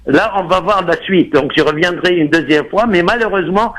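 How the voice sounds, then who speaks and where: A man's voice: high voice, fairly quick, a bit bright. A man calling in to a radio show, giving a long, digressive political commentary in an earnest tone over a phone line. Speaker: radio caller.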